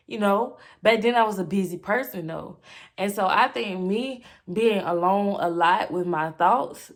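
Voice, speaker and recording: A young woman in a confessional home vlog, speaking into her camera's mic at a middle pitch. She talks candidly and rambles, with plenty of fillers. She speaks straight to her viewers in a loose, casual way. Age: young adult. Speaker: vlogger.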